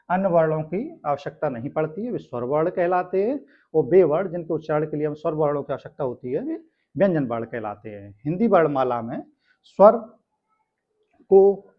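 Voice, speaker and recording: A male teacher from India explaining a grammar lesson step by step, often checking in with tag questions. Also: on the high side. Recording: dull lo-fi sound.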